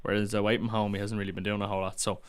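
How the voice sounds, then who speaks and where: Man, low voice, smooth and clear, casual football podcast chat, restarts. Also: little pitch movement, racing. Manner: chatty, hesitant restarts, opinionated. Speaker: podcast panelist.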